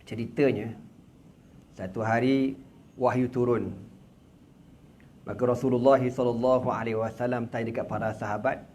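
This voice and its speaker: A man with a Malaysian Malay accent giving a religious lecture in a prayer room, telling the story in a lively, joking way with slang and sound effects. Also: medium pitch, moderate pace, long pauses, slight background noise. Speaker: religious teacher.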